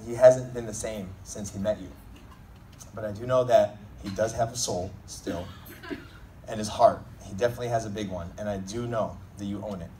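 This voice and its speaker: A man's voice: lowish voice, normal speed, warm tone. A man delivering a comedic best man's wedding speech in a joking, teasing, informal manner. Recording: distant mic, noisy room recording.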